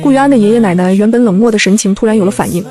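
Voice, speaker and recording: Reading a comedic web novel as a scripted audiobook, this woman keeps a medium pitch and a rapid-fire pace, with faint music in the background. Her delivery is lively and playful, and she shifts into character voices.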